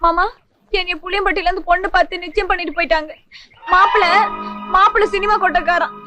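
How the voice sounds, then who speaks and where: A woman's voice: very high-pitched, steady tone, fast. An actress playing a young village woman pleading to escape a forced marriage, in a 1980s film. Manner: pleading, tearful. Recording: film soundtrack with loud music.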